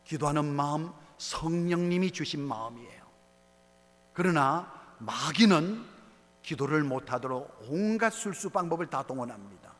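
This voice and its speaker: A middle-aged male pastor preaching a sermon in a church sanctuary, his voice set a little high for a man. He swings between loud, rising calls and soft, low asides. The sound rings with a long hall reverb. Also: animated, a little fast, few pauses. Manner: preaching with rising shouts and sudden quiet drops.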